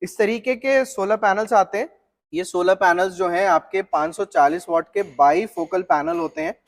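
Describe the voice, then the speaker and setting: Fairly high-voiced man explaining machinery. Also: normal speed. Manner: steady technical explaining, addresses viewer directly. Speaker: flour mill equipment seller. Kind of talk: explanatory product walkthrough.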